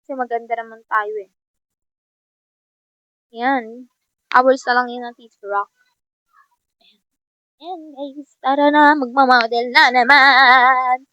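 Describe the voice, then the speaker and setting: Young filipina girl playing a game, high-pitched, talks slow and teasing, dry close mic. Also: fairly even intonation, pushed and bright, clean tone, dry recording. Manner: chatty, teasing, talks to herself and viewers, laughs often. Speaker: gaming vlogger. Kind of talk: casual gameplay commentary. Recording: dull lo-fi sound.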